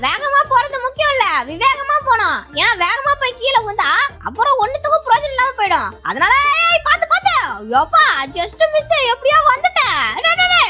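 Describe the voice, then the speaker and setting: Woman voicing a squeaky, meat-obsessed pet dog. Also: very animated, brisk. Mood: warning. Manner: fussy, warning, nagging. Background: background music.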